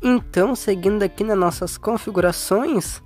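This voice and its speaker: A woman's voice: mid-range voice, moderate pace, a little mellow. Informal Brazilian woman giving a tutorial. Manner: informal, often checking in with short tag questions. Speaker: tutorial host. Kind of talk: casual step-by-step phone tutorial. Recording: faint music behind.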